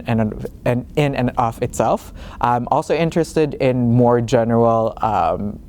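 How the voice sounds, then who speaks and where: A young Filipino master's student talks casually to camera about his program, hesitating with lots of fillers and restarts. His voice is medium-pitched and a little mellow.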